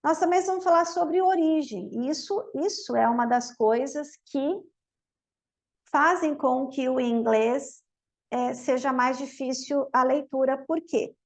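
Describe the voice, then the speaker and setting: A Brazilian woman, a native Portuguese speaker, teaches an English lesson, explaining it step by step in Portuguese and repeating each example word twice. Her voice is high-pitched and her pace unhurried.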